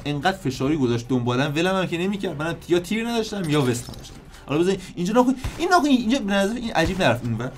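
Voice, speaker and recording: Animated young-sounding male game commentator. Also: fairly high pitch, slight background noise. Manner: animated, excitable, restarts and repeats often. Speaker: gaming YouTuber. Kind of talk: casual gameplay commentary.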